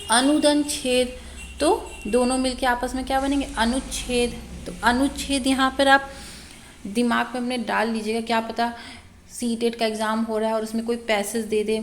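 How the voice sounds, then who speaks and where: A woman teaching an exam-prep grammar lesson, patient and methodical, asking questions and answering them herself with frequent check-ins. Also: fairly high pitch. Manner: slow, patient, asks and answers own questions.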